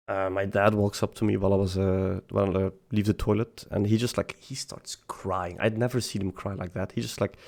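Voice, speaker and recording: Young male vlogger, low and gravelly, halting unscripted confession with repeated words. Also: a little mellow.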